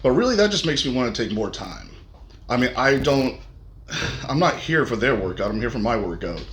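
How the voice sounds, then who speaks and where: A man co-hosting a gym podcast in casual chat, joking in a deadpan way. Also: medium pitch, a little fast. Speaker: podcast co-host. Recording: echoey room, faint background noise.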